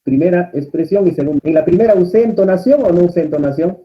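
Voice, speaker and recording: A man instructing a course, lecturing and often putting questions to his students in a calm teaching tone. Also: high voice, fast. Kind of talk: online class lecture. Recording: muffled, lo-fi audio.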